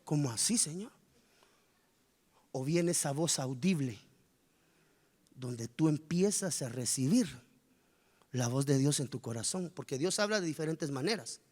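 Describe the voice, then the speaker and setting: A male pastor preaching with animated energy, firing rhetorical questions at his congregation. His voice sits high for a man, and the sound carries the long reverb of a church hall. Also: measured pace, pauses often. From Guatemala. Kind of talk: sermon.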